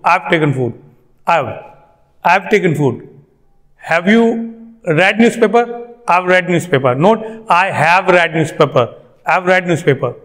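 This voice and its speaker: A young Indian man gives an English lesson aimed at Hindi speakers. His voice sits high, and he walks through each example patiently, repeating the sentences and checking in with "right?" as he goes. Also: a bit bright. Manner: explains step by step, repeats example sentences, often asks "right?". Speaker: English teacher.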